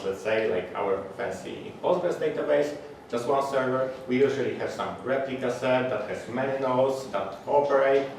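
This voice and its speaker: A man with a Polish accent gives a technical talk at a middle pitch, pausing often and restarting his sentences. He sounds far from the microphone in a large, heavily echoing hall. A steady background hum runs under his voice. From Poland. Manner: plain, hesitant delivery with frequent fillers and restarts. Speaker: conference speaker. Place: large echoey conference room. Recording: echoey hall, distant, audible background noise.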